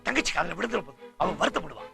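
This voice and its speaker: A hot-tempered elder brother in a film drama. His voice is gravelly with a very bright, cutting tone. He speaks quickly with a lot of rise and fall. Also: high voice, expressive, faint music behind, heavily acted. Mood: angry. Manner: forceful, protective, raises voice. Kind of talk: Tamil film acting.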